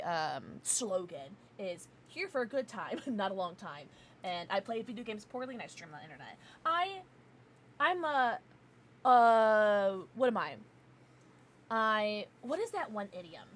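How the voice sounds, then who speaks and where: A woman's voice: medium pitch, fairly bright tone, slight background noise. A woman chatting casually on a gaming livestream in a playful, effusive and scatterbrained way. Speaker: livestreamer playing video games.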